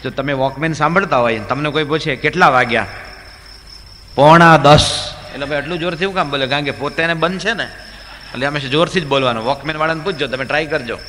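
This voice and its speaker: A man's voice: on the high side, very fast, pushed and bright. A man, a swami, telling funny stories in a religious discourse, chatty and asking the audience questions. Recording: echoey hall, faint background hum.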